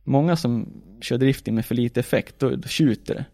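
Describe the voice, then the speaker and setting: This racing driver guest has a creaky, mid-range voice, captured cleanly in the studio without room sound. Chatting informally, he animatedly relives a racing tale, shouting and laughing as he mimics how he reacted. He curses freely and leans on "liksom" and "jag bara" a lot.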